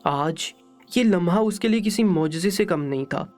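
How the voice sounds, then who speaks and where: Guy reading a sad story out loud, bit high voice, soft music in the back. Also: animated. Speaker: story narrator. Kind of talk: dramatic storybook narration.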